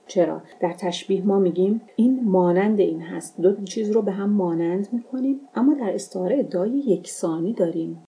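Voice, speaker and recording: A woman teaching a literature lesson, explaining step by step in a measured way and slowing down to recite verses and examples. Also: medium pitch, mellow.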